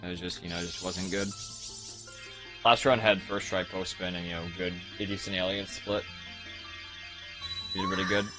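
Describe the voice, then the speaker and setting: A man's voice: sits low, little pitch movement, normal speed, pauses often. Rambling man streaming over music. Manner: rambling and self-mocking, with many restarts. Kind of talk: casual chat.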